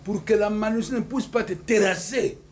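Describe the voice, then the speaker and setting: Un pasteur originaire du Congo, avec un congolais, prêche avec emphase dans une salle d'église et lance des alléluias à l'assemblée. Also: male voice, sits high, a little fast, a little mellow. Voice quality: emphatic, repeats hallelujah to the congregation. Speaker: pastor. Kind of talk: sermon with call-and-response. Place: church hall. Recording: noisy church hall recording.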